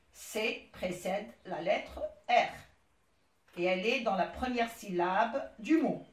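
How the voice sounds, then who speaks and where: Brief: female primary teacher, high voice, very slow and deliberate, spelling out each letter; echoey room. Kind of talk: recorded classroom lesson.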